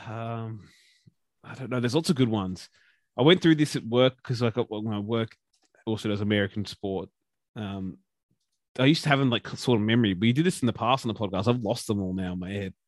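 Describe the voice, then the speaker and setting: A man's voice: fairly low pitch, a little fast, no echo, studio quality. A man co-hosting a casual podcast, rambling with restarts and casual swearing. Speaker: podcast co-host.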